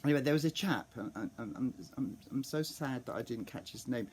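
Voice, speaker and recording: A man's voice: medium pitch, brisk, slight background noise. A man telling a casual vlog story, rambling with many restarts and fillers, sometimes acting out the people he overheard. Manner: rambling, full of restarts and ums; acts out overheard fan reactions. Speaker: vlogger.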